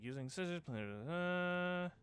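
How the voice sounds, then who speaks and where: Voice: medium pitch, lively intonation, slow, fairly bright tone, a little hiss or hum. A gamer giving casual let's-play commentary, with playful sing-song asides to the game's characters. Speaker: gamer narrating a playthrough.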